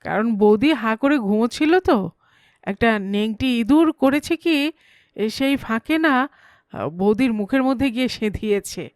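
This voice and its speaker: A woman voicing a cheeky young man who chatters and teases in a comic audio story, in a high, dry voice. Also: a little mellow, no room sound, close to an everyday voice. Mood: eager. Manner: teasing, chattering, quick to joke. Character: young male errand-runner, cheeky and giggling.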